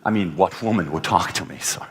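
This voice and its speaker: A man's voice: low-pitched, a little fast, noisy background. A man giving a humorous contest speech on a conference stage, telling a comic story with big swings in his voice.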